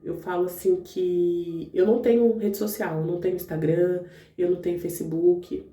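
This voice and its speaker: Woman talking earnestly to her viewers, mellow dark voice, a bit far from the mic. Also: on the low side, steady tone, moderate pace. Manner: earnest, talks straight to viewers. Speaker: vlogger sharing her testimony. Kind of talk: casual testimony monologue. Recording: roomy echo, distant mic.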